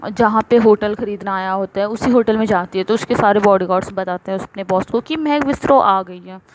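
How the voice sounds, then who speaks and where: A woman casually retelling a romance story in a soft, low-key way, with many fillers. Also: a little hiss or hum, poor audio.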